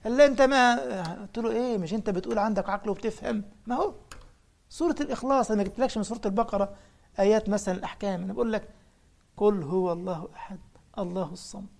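A man's voice: high-pitched, very fast, vocal fry, darkish tone. A man with an Egyptian accent preaching a colloquial religious lesson, telling anecdotes and firing off mocking rhetorical questions. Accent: Egyptian Arabic.

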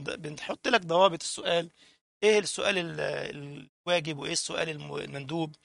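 A man with an Egyptian accent giving a lively, informal sermon and mocking people who imitate others. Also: sits high, vocal fry, dry recording. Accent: Egyptian Arabic. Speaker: preacher.

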